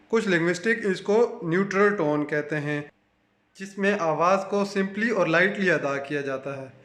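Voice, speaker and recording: A man with a Pakistani Urdu accent narrating a language lesson in a measured, explanatory way. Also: high-pitched, fairly bright tone, roomy sound. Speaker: language teacher.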